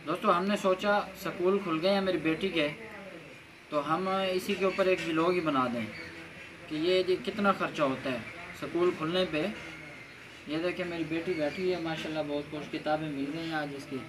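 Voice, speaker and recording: Outdoors in a village courtyard, a Pakistani family vlogger in his thirties chats casually with his kids, teasing them with questions. His voice is fairly high, steady and at normal speed, and the courtyard noise comes through clearly.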